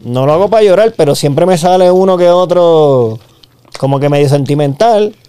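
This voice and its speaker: Mellow-voiced man in his forties. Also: a little high, animated, moderate pace, clean tone, no echo. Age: 40s. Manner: candid, swearing casually. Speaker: podcast co-host. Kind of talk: casual chat.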